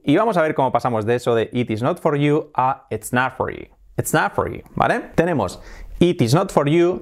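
A man from Spain with a Spain Spanish accent, hosting an upbeat video lesson and repeating phrases slowly for learners. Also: mid-range voice. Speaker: English teacher and host.

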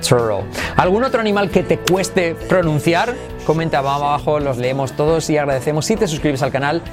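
A man from who speaks natively, teaching English pronunciation on a podcast, playfully repeating words slowly. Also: fairly high pitch, music in the background. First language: Spanish. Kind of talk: podcast lesson.

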